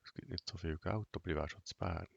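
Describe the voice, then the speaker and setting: A man with a Bernese Swiss German accent giving casual let's play commentary in a flat, monotone way, half talking to himself. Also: sits low, fast, vocal fry, breathy edge, no room sound, dull audio. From Switzerland. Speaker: gaming video host. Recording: noisy, vehicle engine and clicking behind. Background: truck game engine sounds and clicks.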